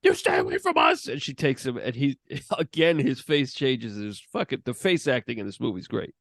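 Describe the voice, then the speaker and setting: Young man, gravelly voice, dry close sound, casual podcast banter, profane film recap. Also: medium pitch, dry recording. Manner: crude, laughing, acts out movie lines in quick voices. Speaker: podcast co-host.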